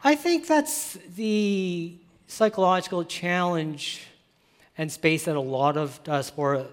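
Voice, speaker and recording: A man, the author, speaking thoughtfully and measured about his life. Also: high voice, big-room sound. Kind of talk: reflective conversation.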